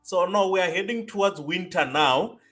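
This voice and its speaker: A man's voice: sits high, moderate pace, a bit bright, faint music behind. A man hosting a casual interview over a video call, rambling with a lot of "you know" and repeated "wow". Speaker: host.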